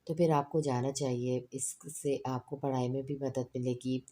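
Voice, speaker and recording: A woman reading the lines of a kind, loving middle-aged father in a storybook, speaking in a gentle, coaxing way. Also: very deep voice, fairly even intonation.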